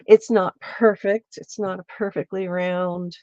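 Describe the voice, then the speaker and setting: A woman with a stuffy, congested voice, slowly walking viewers through a craft step by step and chatting with them as she works. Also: lowish voice, fairly even intonation, warm tone, no echo, highs cut off. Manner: slow, meandering, chats with viewers while working. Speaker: craft livestreamer. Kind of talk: casual craft demonstration. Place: home, at her lap.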